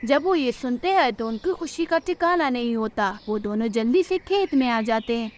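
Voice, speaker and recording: A woman narrating a cartoon story in a steady storytelling manner. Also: a little high, moderate pace.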